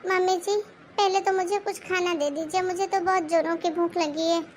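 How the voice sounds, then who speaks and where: A woman voicing a meek young pregnant daughter-in-law in an animated story, soft and pleading. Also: very high voice, normal speed, slight background noise.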